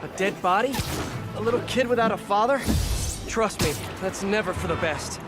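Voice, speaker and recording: A man's voice: sits high, moderate pace, over loud music, close to an everyday voice. An American man playing a quippy, earnest young superhero in a video game, talking in a wry, casual way. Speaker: video game lead character. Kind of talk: video game voice acting, conversational.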